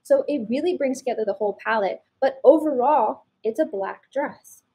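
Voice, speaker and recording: A woman hosts a relaxed fashion chat, upbeat and addressing viewers directly. Her voice sits a little high and has a soft, husky edge. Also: moderate pace, rough recording. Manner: upbeat, affirming, explains to viewers. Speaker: color analyst host. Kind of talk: casual fashion commentary chat.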